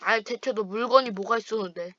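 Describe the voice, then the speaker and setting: A woman's voice: on the high side, fast, bright, forceful tone, lo-fi sound. A woman hosting a gaming channel, chatting with a friend over voice chat while playing online and trash-talking playfully. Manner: playful teasing trash talk.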